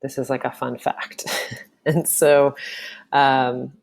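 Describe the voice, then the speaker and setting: A woman teacher walking through a software tutorial, talking casually and thinking aloud with frequent ums. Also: very deep voice, flat delivery, slow pace, vocal fry. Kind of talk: screen-recorded software tutorial.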